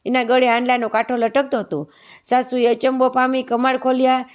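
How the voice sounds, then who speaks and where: A woman recites a devotional folk tale in a steady, measured way. Her voice sits a little on the high side, and her delivery is calm and even. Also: clean tone. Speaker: storyteller of a devotional channel. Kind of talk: devotional story reading.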